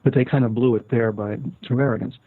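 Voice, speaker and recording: Husky older man on a tinny line. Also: medium pitch, fairly even intonation, fast talker, dry recording. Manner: storytelling, many fillers and restarts. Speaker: guest. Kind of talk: casual interview talk. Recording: tinny phone-line sound.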